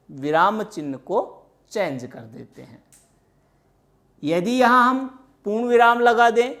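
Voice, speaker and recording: Woman, teacher, grammar lesson, unhurried, middle pitch, asks and answers her own questions. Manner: deliberate, asks the class rhetorical questions.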